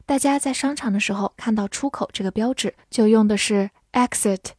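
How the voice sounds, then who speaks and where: A woman teaching English vocabulary in a scripted lesson, spelling words letter by letter and reading example sentences slowly. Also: mid-range voice, breathy edge, no echo, clean studio sound. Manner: measured, even explanatory delivery in Chinese with English words.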